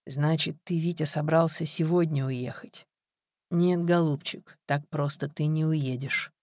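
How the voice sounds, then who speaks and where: The narrator voicing a heavy older woman, a stern mother who speaks low, quiet and firm. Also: fairly even intonation, unhurried, no echo, studio quality. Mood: cold hushed. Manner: low hushed firm speech.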